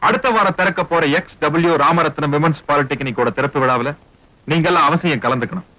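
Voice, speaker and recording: An actor playing a smooth-talking, scheming male villain who speaks in a condescending way. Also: fairly high pitch, quick pace, bright, forceful tone, no room sound. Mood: pompous. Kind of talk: film dialogue. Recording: dull film soundtrack with music.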